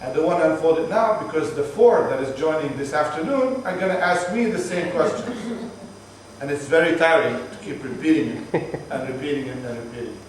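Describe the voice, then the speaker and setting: A man's voice: on the high side, a little fast. A tour guide, chatting patiently to his group on a moving bus. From Palestinian, from Jerusalem. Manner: chatty, explaining patiently with jokes. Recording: echoey distant voice, bus noise.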